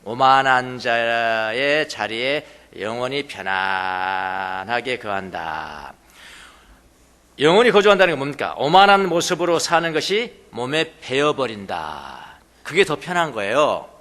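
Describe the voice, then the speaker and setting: A man's voice: medium pitch, expressive, unhurried, fairly bright tone, long reverb tail. A man preaching a sermon as pastor, emphatic, repeating key words and putting questions to the congregation. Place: church sanctuary.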